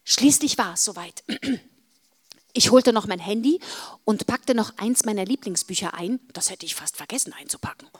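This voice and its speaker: A woman narrating a children's adventure story in the first person, pausing dramatically and often dropping to a whisper. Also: medium pitch, expressive.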